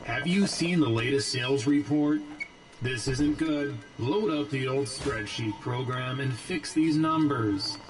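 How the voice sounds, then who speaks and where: A businesslike male robot boss from a video game, speaking in a robot voice at a mid pitch. He hands out tasks in a formal, matter-of-fact way. Clear game music plays behind him. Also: a little slow, poor audio. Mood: displeased. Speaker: game character.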